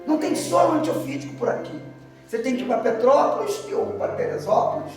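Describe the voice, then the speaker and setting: A male deacon preaching a sermon in a church, telling a story with animated emphasis, shouted lines and laughter. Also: extremely high pitch, fairly quick. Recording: echoey hall from far off with music.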